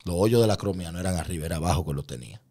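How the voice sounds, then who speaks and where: A low-voiced man tells his conversion testimony as an interview guest. He is a vivid storyteller who slips into the voices of the people in his story. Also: rapid-fire, dark tone.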